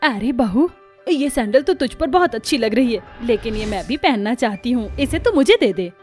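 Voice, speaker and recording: Woman doing a stubborn cartoon mother-in-law, loud, dramatic, fairly high voice. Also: animated, moderate pace, soft background music, close to an everyday voice. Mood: bossy, stubborn. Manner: wails and complains loudly.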